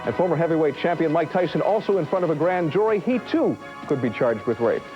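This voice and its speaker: A man reading a TV newscast promo as the anchor, in a steady, measured way, heard from a worn VHS tape copy. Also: a little high, lo-fi sound, over music. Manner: steady, measured newsreader delivery. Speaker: TV news anchor.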